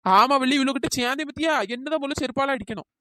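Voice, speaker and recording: Quick-tongued, high-pitched, fiery cartoon village woman, woman voice actor. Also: dry recording. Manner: loud, abusive, argumentative. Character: hot-tempered quarrelsome village woman. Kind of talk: cartoon voice acting.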